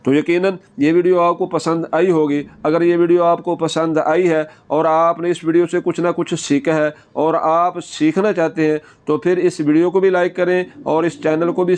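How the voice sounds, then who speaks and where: A man teaching Quran recitation, explaining each rule patiently and repeating slow, drawn-out model readings. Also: on the high side, darkish tone, clear, resonant tone.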